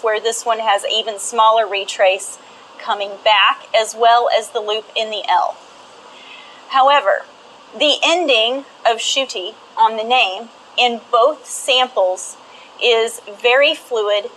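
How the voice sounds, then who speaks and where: A woman's voice: fairly high pitch, a bit bright, slight background noise, poor audio. A woman giving formal, explanatory testimony as an expert witness. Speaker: expert witness, forensic document examiner.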